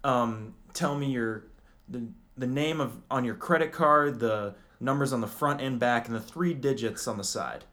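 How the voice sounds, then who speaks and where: A man's voice: medium pitch, normal speed, fairly bright tone, natural voice. Man playing a stiffly polite tech support agent. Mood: apologetic. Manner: stiff formal politeness, hesitant.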